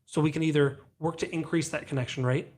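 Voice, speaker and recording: A man hosting a casual podcast, animated and telling stories with acted-out dialogue. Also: fairly high pitch, fast. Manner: animated storyteller who acts out quoted dialogue. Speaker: podcast host.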